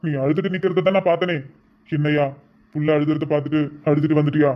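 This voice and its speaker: A man putting on a lower voice to play a kindly elderly grandfather in a cartoon, consoling his grandson. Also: fairly even intonation, fast talker, lightly acted. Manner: soft, consoling. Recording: dull lo-fi recording.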